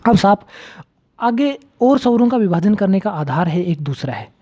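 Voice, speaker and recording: A man's voice: high-pitched, sing-song, moderate pace, warm tone. A man teaching an exam-prep grammar lecture, repeating key terms and asking and answering his own questions.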